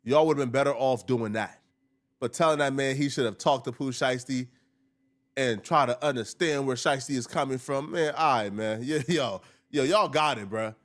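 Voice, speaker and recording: A man's voice: mid-range voice, normal speed. A man hosting a late-night livestream, ranting in slangy, joking reaction commentary. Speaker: livestream host.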